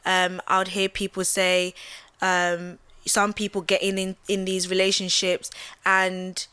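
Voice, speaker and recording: A young woman raised in the Midlands, born in Central West Africa, arguing her view in a casual debate, talking in quick bursts with many fillers. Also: fairly low pitch, smooth. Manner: animated, many fillers, often asks "do you get what I mean". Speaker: channel host.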